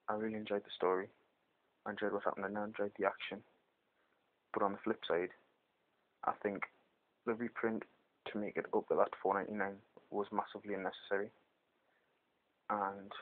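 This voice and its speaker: A hungover British man giving a casual, unscripted review in a hesitant, meandering way, as a comic book reviewer. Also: on the low side. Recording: dull, lo-fi amateur microphone sound.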